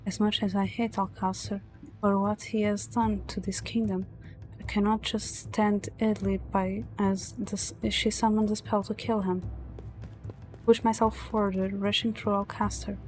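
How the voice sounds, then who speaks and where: A woman's voice: mid-range voice, flat delivery, unhurried, darkish tone, faint music behind, low-quality recording. A woman streamer reading story narration aloud from a visual novel, dramatic but stumbling over words now and then.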